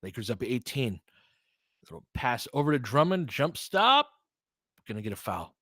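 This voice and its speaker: Like a streamer talking through the action, a man thinks out loud as he delivers informal basketball play-by-play, analysis and chat. His mid-pitched voice is very animated at a normal pace, and the audio is dry with almost no room in it.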